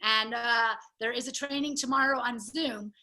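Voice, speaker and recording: A woman's voice: a little high, fairly even intonation, moderate pace, bright, forceful tone. A woman hosting a comedy show over a video call, loose and chatty, cursing casually. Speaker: show host.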